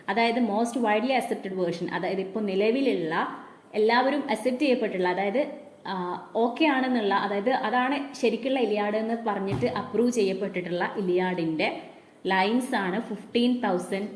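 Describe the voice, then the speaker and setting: A woman teaching a literature class, reading English lines slowly and then explaining them in her own words, with frequent "okay" fillers. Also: medium pitch, darkish tone, reverberant, slight background noise. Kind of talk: classroom lecture.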